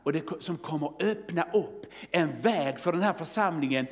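Male preacher, fervent storytelling style, slightly high voice, long hall reverb. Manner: storytelling, exclaims halleluja, rises to excited testimony. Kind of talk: sermon.

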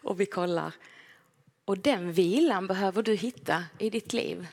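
A woman preaching a gentle, personal sermon in a church, now and then acting out short quoted lines. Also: medium pitch, creaky. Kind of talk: conversational sermon. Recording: long hall reverb.

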